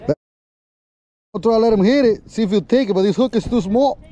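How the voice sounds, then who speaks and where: Out on an ocean fishing pier, a fishing vlogger keeps up a casual, slangy running commentary, calling his viewers "guys." He speaks fairly quickly in a voice that sits high. His body-worn action camera catches loud wind and sea noise, leaving the recording muffled.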